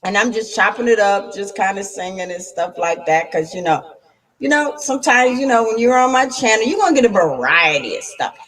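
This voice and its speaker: A woman's voice: medium pitch, lively intonation, brisk, fairly bright tone, distant mic. A woman hosting her own channel in a loose, tipsy mood, laughing and breaking into song between casual chat. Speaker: channel host. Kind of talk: casual livestream chat with singing.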